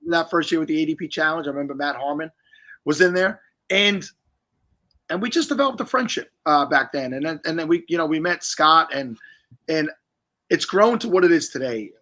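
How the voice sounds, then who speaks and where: Chatty man with a bright, forceful voice. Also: a little high, animated, a little fast. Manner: chatty, rambling, jokey. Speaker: podcast host. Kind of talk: casual livestream chat.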